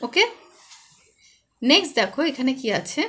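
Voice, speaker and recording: A woman's voice: high-pitched, big pitch swings, moderate pace, pushed and bright, slight background noise. A woman with a West Bengal Bengali accent teaching a children's English lesson, patiently asking questions and then answering them herself. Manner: patient, asks and answers her own questions.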